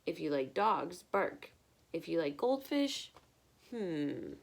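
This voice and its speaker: A woman with a low, creaky voice reads a picture book aloud in a teacherly manner. She is expressive and encouraging, stopping now and then to put questions to the young listeners.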